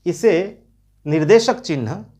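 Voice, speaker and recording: An English grammar teacher, giving a video lesson and explaining each term slowly, then repeating it in Hindi and in English. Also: medium pitch, animated, darkish tone.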